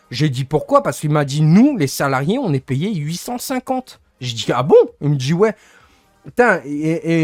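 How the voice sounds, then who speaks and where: A man's voice: a little high, dry recording. Annoyed young man ranting. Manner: rambling, gets annoyed, searches for words. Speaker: livestreamer. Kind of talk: casual venting to stream chat.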